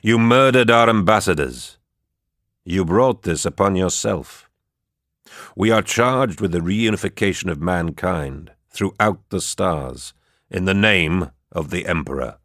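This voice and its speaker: A man voicing a calm, firm adult male warrior in a read-aloud story, speaking in a measured way. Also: deep voice, no room sound, studio quality, exaggerated voice. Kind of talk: audiobook character reading.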